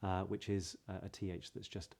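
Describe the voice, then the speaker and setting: Male voice coach, British accent, lowish pitch, soft mellow tone, measured explanatory lesson delivery with stressed key words. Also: flat delivery, creaky, breathy edge. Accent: British English. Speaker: voice coach, video host. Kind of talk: pronunciation lesson to camera.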